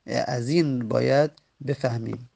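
A man teaching a grammar lesson, patiently explaining and slowly repeating each example word. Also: mid-range voice, steady tone, creaky, dark tone.

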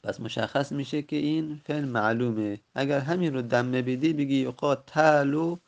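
Guy teaching grammar, gravelly voice, goes over word forms again and again. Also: mid-range voice, dull audio. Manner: patient, repeats and spells out word forms slowly. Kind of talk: recorded lesson explaining a textbook.

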